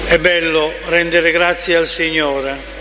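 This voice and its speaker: A man's voice: a little high, steady tone, slow. A man reading scripture formally as a lector at Mass in a large reverberant church. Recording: reverberant church hall, faint noise.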